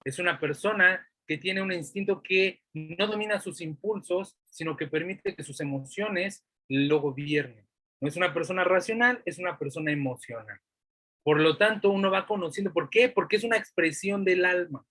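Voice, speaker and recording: A man's voice: high voice, normal speed, sharp tone, no room sound. A man from Mexico City with a Mexico City Spanish accent, lecturing in an online class and explaining with rhetorical questions.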